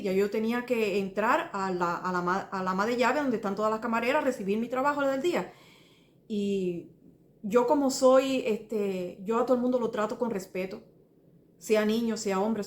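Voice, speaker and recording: A middle-aged woman with a Cuban Spanish accent, sharing a faith testimony in a slightly high voice. She talks earnestly and circles back over details, often turning to the listener as brother. The recording carries a roomy echo. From Cuba. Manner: earnest, rambling, restarts and repeats details, addresses listener as brother. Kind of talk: personal testimony.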